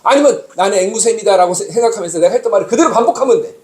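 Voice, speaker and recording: Male pastor in his 50s, quick lively delivery with big pitch swings, exasperated storyteller, echoey church hall. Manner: animated, exasperated storytelling to the congregation. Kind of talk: sermon. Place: church sanctuary.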